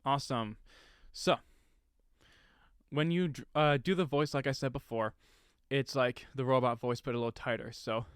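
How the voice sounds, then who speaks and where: A man's voice: medium pitch, fairly even intonation, normal speed, clear, resonant tone, no room sound, studio quality. A man giving a casual step-by-step tutorial on voice effects, explaining settings plainly with fillers and restarts.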